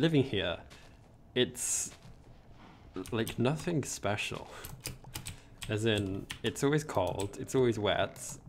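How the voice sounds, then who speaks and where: Gravelly and fairly low-pitched, a young Englishman talks casually on his gaming stream while some hiss or hum sits in the background. He rambles about how his week went and answers his audience, reading their chat messages out loud.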